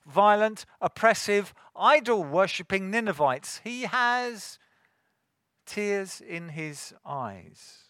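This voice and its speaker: Earnest man preaching, high-pitched and unhurried. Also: no room sound, clean studio sound. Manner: earnest, rises to forceful emphasis. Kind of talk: sermon.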